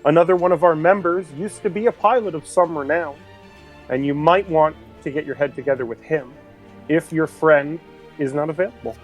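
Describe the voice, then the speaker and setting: A man's voice: a little high, normal speed, soft background music, pitched above the performer's own voice, lightly acted, low-quality recording. A man voicing a formal, frank male casino club official in a tabletop game. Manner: formal, addresses listener as sir.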